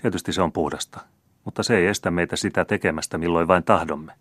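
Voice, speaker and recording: An unbothered young scholar answers with easy, amused calm, as a male audiobook reader puts him on. The voice sits a little above a deep natural register. The sound is close and dry. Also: dry recording. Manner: easy, mildly teasing, unbothered. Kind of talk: audiobook character reading.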